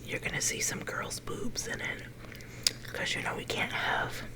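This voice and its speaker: A middle-aged woman leaning in to whisper a casual, unhurried ASMR chat, her whisper a little growly at times. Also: low-quality recording. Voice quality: whisper that turns slightly growly. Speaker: ASMR video creator.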